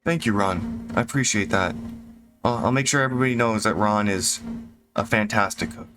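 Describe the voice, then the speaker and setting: A man voicing an eager female cook who gushes with excitement. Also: fairly low pitch, moderate pace, music in the background, lightly acted. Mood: friendly. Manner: bubbly, gushing.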